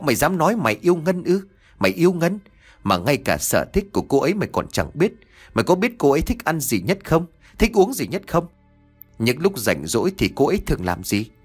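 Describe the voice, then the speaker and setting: A man reading a storybook voices an unhinged, jealous young man who rants and hurls accusations. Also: medium pitch. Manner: shouting accusations, ranting.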